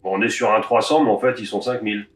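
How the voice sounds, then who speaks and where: A man's voice: on the low side, fairly even intonation, quick pace, echoey room, far from the mic. A man chatting casually while sorting through a pile of DVDs, wry and grumbling, swearing offhandedly. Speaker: DVD collector vlogger.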